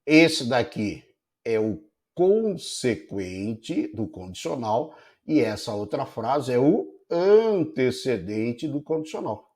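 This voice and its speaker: A man's voice: medium pitch, big pitch swings, slow, a little mellow. A middle-aged man teaching a recorded online lecture, explaining step by step and checking in with frequent tag questions. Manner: explanatory, many checking "né?" tags.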